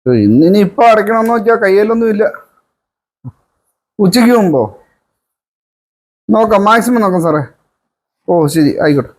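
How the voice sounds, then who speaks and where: A man acting as husband and son in a comic family skit, coaxing and teasing with drawn-out praise. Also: high voice, expressive.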